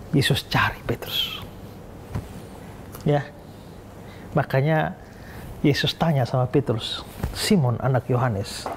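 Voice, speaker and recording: Male pastor, slightly high voice, lively storytelling sermon, faint noise behind. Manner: animated storyteller, acts out dialogue voices.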